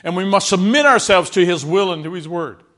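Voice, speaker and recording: A man preaching a sermon in a conversational way, often checking in with his listeners and swinging between loud emphasis and quiet asides. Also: sits high, brisk.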